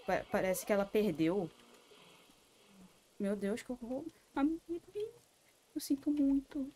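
Streaming a horror game live, a Brazilian woman gets jumpy and frightened, cursing frequently and muttering to herself. She has a Brazilian Portuguese accent and a husky, warm, medium-pitched voice, with lively intonation and an unhurried pace.

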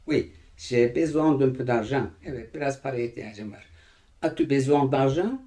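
A man teaching French vocabulary in Turkish, with a Turkish accent, who repeats each example phrase slowly and carefully. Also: mid-range voice, warm tone. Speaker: language teacher.

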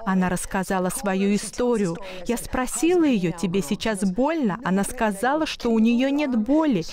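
Higher-voiced woman telling a faith story. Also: lively intonation, normal speed, mellow. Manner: earnest, storytelling voice-over. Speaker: guest minister.

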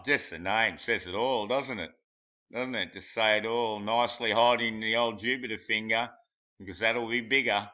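A conspiracy video commentator with a fairly low, pushed, bright, smooth voice mocks pictures in a crude, blunt, rambling commentary, laughing at his own jokes. The home recording sounds dull and lo-fi.

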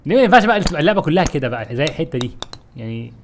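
A young man with an Egyptian Arabic accent, commenting on his gameplay in an animated, frustrated way as he talks to his viewers. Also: fairly high pitch, very fast, slight background noise. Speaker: gaming YouTuber.

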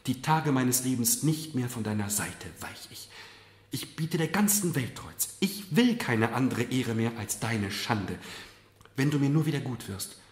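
A man's voice: medium pitch, lively intonation, unhurried, close to an everyday voice. A man voicing an older noblewoman, an emotional and contrite mother, in an earnest, impassioned dramatic literary reading. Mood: remorseful, impassioned. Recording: roomy live reading hall.

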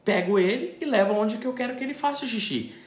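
A dog trainer talks to camera about training puppies, posing questions to himself and answering them. His voice is very high, animated and quick, and the room he's in is echoey.

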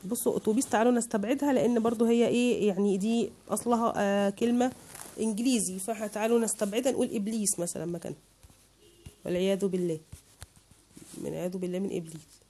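A woman with an Egyptian Arabic accent teaches a children's lesson online, patiently breaking words into syllables for her pupils. Her medium-pitched, mellow voice moves very fast with fairly even intonation.

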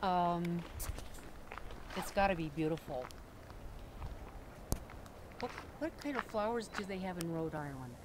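A middle-aged woman guiding a casual walking tour of a garden, talking in a gentle, admiring way with many fillers. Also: lowish voice, animated, measured pace, pauses often. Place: outdoor botanical garden. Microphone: camera held by companion. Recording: outdoor noise on camera mic.

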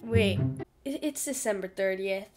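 A woman's voice: medium pitch, unhurried, over loud music. A woman who sounds congested, hosting casual gameplay commentary in a chatty, playful, self-mocking way. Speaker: gaming channel host.

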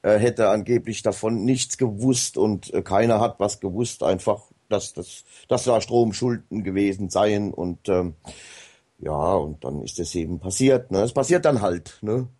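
A man's voice: lowish voice, a little slow, warm tone, slightly rough. A man talking casually as a guest on a radio show, rambling with many hesitations and fillers.

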